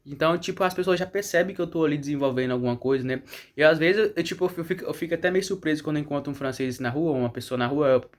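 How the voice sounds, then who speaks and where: Young Brazilian man vlogging, Brazilian Portuguese accent, a touch high-pitched, rambling casual delivery. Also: very fast. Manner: chatty, rambling, frequent "né?" tag questions. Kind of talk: casual chat.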